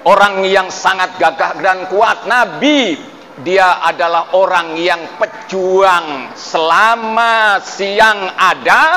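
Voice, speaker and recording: A male preacher giving a sermon, who questions his listeners, calls them "Pak", and chants verses slowly. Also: high voice, sharp tone, slight background noise. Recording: distant mic in a reverberant hall with faint ambience.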